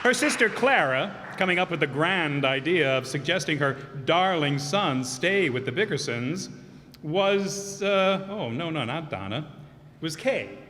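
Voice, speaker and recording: In a reverberant live performance hall with faint background noise, a man who hosts and acts in a community radio theater group gives a curtain-call speech thanking the cast and crew before an audience. His rather high, bright voice is forceful with lively intonation and a slightly slow pace, and he rambles with fillers and self-corrections.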